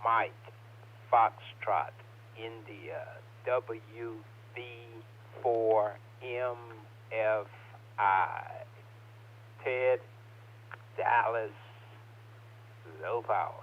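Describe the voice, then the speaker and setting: Ham radio operator on a radio call: adult man, low voice, slow phonetic spelling, tinny lo-fi channel. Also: steady tone. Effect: heard over a ham radio call. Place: transmitting on low power. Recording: tinny radio transmission with faint hiss.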